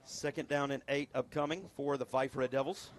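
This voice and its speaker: A man calling a local high school football game on the radio, getting excited on big plays. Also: moderate pace. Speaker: play-by-play announcer. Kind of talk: local radio sports commentary.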